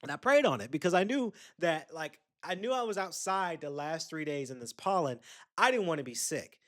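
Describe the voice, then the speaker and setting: A young man hosts a podcast, chatting his way through a wandering solo story and speaking right to listeners with asides. His voice is a little high, expressive, and a bit bright, at normal speed.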